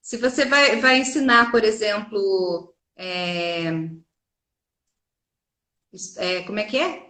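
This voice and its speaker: A woman's voice: medium pitch, bright, forceful tone. A woman teacher with a Brazilian Portuguese accent, answering interview questions earnestly and explaining through many examples and tag questions. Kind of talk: interview conversation. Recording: echoey room.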